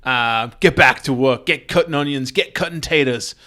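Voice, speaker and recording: A man's voice: mid-range voice, normal speed, pushed and bright, lightly acted. A man voicing an impatient male head chef who barks orders at his kitchen staff. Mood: scolding. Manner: barking orders.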